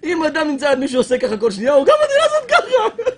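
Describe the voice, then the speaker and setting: A rabbi telling a funny story in a Torah lesson, animated and laughing as he talks. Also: very high voice.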